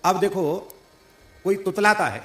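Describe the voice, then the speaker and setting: A man's voice: high voice, lively intonation, a little slow, a bit bright. A man giving a devotional sermon, breaking into sung verses and rising to emphatic declarations. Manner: mimics regional pronunciations playfully. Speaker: spiritual preacher. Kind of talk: devotional discourse with chanting. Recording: echoey room.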